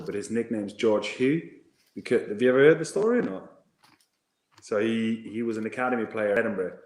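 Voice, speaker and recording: A man telling rugby stories in a lively, casual way, his low-ish voice carrying a roomy echo. It sounds like a video call from home. He laughs easily. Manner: lively storyteller, laughs often. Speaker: former rugby player pundit. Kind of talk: casual watchalong chat.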